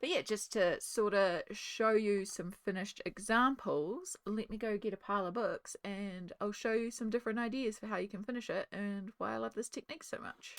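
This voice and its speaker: A woman's voice: medium pitch, moderate pace, hardly any pauses, no room sound. A woman hosting an art video, chatting casually through each step as she colours at her desk. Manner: chatty, narrates each step while working; talks one-handed with a cat in her lap. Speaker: art channel host. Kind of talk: casual narration while colouring. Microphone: desk microphone.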